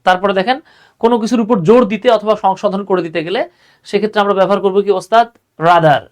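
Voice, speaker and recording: A man's voice: sits high, very fast. A man with a Bangladeshi accent teaching an English exam-prep lesson, who explains patiently and repeats key phrases for his students.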